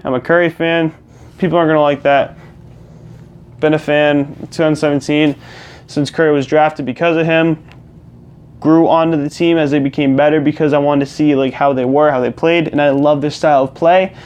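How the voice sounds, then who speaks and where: A young man rambles through a casual rant on his own channel, often restarting and circling back to the same points. His voice sits a little high for a man and comes through smooth and clear on a personal mic. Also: fairly even intonation, normal speed, a little mellow. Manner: rambling, restarts and repeats himself. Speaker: gaming channel host. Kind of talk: casual ranting monologue.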